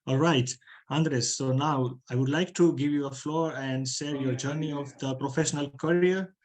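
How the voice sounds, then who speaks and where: A man's voice: on the high side, fairly even intonation, moderate pace, darkish tone, low-quality recording. A man hosting an online talk, formal in his welcomes and hesitant in places. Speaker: host.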